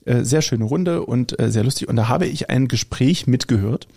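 A man's voice: medium pitch, moderate pace, creaky, a little mellow, slightly rough. A man co-hosting a casual podcast chat with a German accent, telling rambling anecdotes and often correcting himself mid-sentence. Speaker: podcast co-host.

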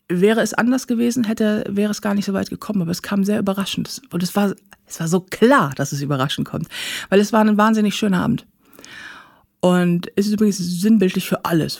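In a personal interview, a woman who is an author speaks as a guest, candidly and matter-of-factly recounting painful experiences of her own. Her lowish voice is a little mellow with vocal fry, and the recording is dry and of studio quality.

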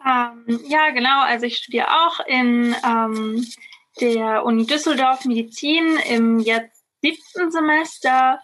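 A woman's voice: fairly high pitch, takes it slowly, a bit bright. A woman in her twenties, a medical student and podcast guest, speaking thoughtfully with many fillers. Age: 20s. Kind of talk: casual interview.

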